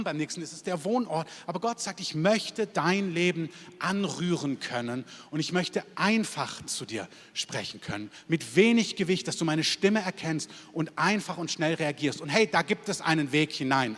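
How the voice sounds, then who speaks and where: Passionate preacher in a reverberant hall. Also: male voice, fairly high pitch. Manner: passionate, swings from loud emphatic lists to soft prayer. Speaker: pastor. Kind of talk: sermon with prayer. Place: church hall before a congregation.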